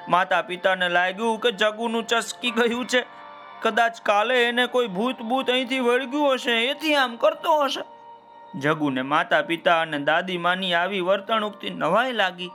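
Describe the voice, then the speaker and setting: High-voiced Gujarati storyteller man. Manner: warm direct address to children. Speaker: children's storyteller. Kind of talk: children's story narration.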